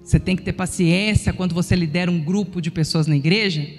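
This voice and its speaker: A woman's voice: fairly low pitch, a little fast, long reverb tail, faint music behind. A middle-aged woman preacher telling a chatty family story in her sermon. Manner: animated, chatty anecdotes.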